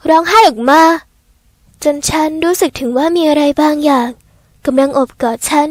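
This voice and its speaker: A woman with a high, light voice narrates a first-person audio novel in a gentle, polite storytelling manner. The recording is close and dry, with no room sound around her. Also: no echo.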